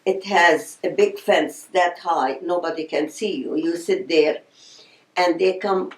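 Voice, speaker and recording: A woman's voice: on the low side, unhurried, roomy sound, poor audio. An older woman from Palestine, telling her story passionately in an oral history interview.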